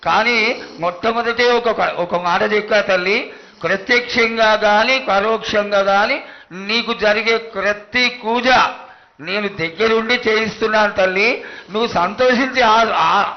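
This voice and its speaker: A man's voice: high voice, fairly even intonation, moderate pace. A man acting as ritual attendant, addressing a goddess in devotional supplication with emphatic, broken-up phrases. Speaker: ritual attendant questioning the oracle. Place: live temple festival ritual. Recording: dull lo-fi live broadcast sound.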